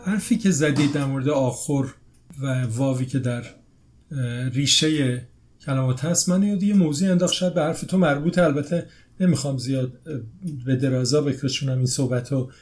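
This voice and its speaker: A man's voice: mid-range voice, a little mellow. A man hosts a discussion in a conversational way. He adds his own thoughts, then steers the talk on to the next point. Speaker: host.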